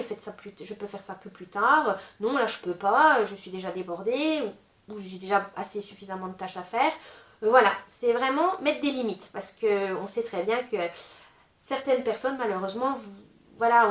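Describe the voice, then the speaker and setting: Woman tarot reader, casual and chatty, slightly high voice, roomy echo. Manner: chatty, many fillers like "voilà" and "euh"; gentle advising tone.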